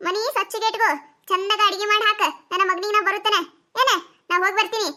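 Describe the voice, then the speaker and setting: A woman voicing a sharp-tongued, scolding village mother-in-law in a cartoon comedy, with a North Karnataka accent. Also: extremely high pitch, little pitch movement, fast talker, full character voice. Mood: sarcastic. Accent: North Karnataka Kannada. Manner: nagging, sarcastic, scolding.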